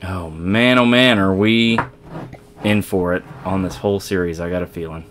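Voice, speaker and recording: A man with a low voice hosts a casual let's play, talking straight to his viewers as he plays. He rambles and corrects himself mid-sentence, filling gaps with easygoing chatter. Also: moderate pace, a bit bright, a little hiss or hum. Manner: rambling, self-correcting, talks to viewers while playing. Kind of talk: casual gameplay commentary.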